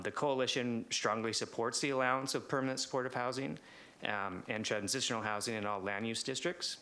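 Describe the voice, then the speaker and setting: An American man giving a polite, semi-formal public comment as an advocate, speaking haltingly with many fillers. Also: on the low side, bright, forceful tone. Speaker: housing coalition representative giving public comment.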